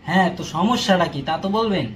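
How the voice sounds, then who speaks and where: Exasperated fast-talking man as a doctor. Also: high-pitched, faint music behind. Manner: exasperated, pleading and snapping back. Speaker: doctor in a comedy sketch. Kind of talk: comedy sketch acting.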